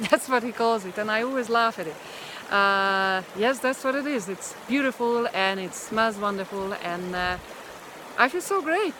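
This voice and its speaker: A Hungarian-accented woman, not a native English speaker, vlogs casually to a handheld camera or phone held at arm's length beside a rushing river. Her medium-pitched voice is animated, though she speaks hesitantly with many pauses and fillers, and the water's roar fills the outdoor recording.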